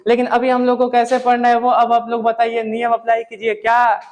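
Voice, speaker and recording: A man's voice: very high voice, monotone, brisk. A man teaching English pronunciation, casually drilling his class with repeated questions. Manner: repetitive, drilling students with questions; casual, says "yaar" and "bhai". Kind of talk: classroom lesson.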